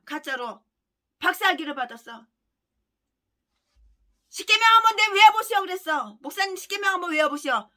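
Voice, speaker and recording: A woman pastor delivering a fiery, denunciatory sermon, ranting with heavy name-calling and bursts of shouting. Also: high-pitched.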